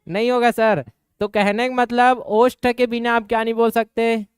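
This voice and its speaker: A young man from Chhattisgarh with a Chhattisgarhi accent, teaching an exam coaching class with a slight nasal ring. He keeps asking the class quick questions and answering them himself, and he slips into regional dialect now and then. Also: very high-pitched, steady tone, clean tone, dry recording, clean studio sound. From Chhattisgarh, India.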